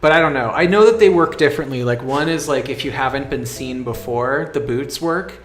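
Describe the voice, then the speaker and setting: A man working as game master, narrating a tabletop game casually and haltingly as he thinks aloud. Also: medium pitch. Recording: echoey room, faint music behind.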